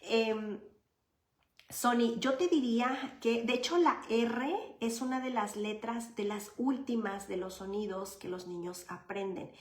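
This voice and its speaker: A woman's voice: a little high, unhurried. A woman, a child psychologist answering viewer questions in a live session, explaining patiently and conversationally with many fillers. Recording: roomy echo.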